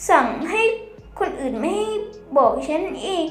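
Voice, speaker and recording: A woman dubbing manga in a high voice, emotional and scolding. The room is echoey, with faint music under her. Her pitch sits well above average. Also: lively intonation, moderate pace. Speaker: manga dubber. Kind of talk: manga voice dub.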